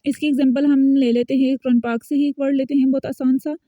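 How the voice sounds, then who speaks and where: High-voiced woman teaching recitation patiently. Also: level tone, dark tone, dry recording. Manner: patient, repeats words slowly and drills them. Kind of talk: online lesson, explaining and modeling pronunciation.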